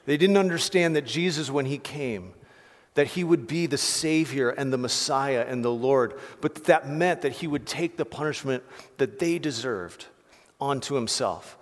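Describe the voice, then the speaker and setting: A man delivers an impassioned sermon in a slightly raised voice, talking to the congregation in a loose, conversational way. The sound carries a long reverb from a church hall. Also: on the high side. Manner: impassioned, conversational preaching with restarts and "like". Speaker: pastor.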